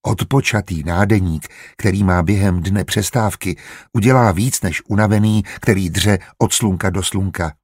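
In this audiobook, a man reads a good-natured, learned steward who lays out his plans with eager kindness. The voice is husky with a little breath in it, and the recording is dry and close. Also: low voice, darkish tone, no room sound. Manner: explains eagerly and kindly. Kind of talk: audiobook character reading.

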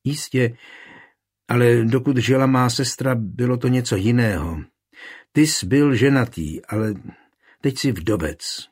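A man's voice: medium pitch, darkish tone, husky, natural voice. Man voicing fretful devout village woman. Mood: hesitant. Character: anxious devout young village woman, earnest.

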